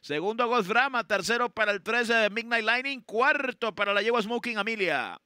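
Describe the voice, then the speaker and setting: A man giving live horse race commentary in short, emphatic, excited phrases. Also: very high voice, normal speed, clear, resonant tone, no echo, studio quality.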